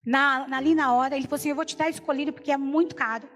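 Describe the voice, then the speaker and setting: A woman's voice: high voice, fairly even intonation, rapid-fire, long reverb tail. A woman preacher giving an emotional personal testimony in a sermon, retelling the story with many repeated quotes, speaking Brazilian Portuguese. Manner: storytelling, repeats "falei assim".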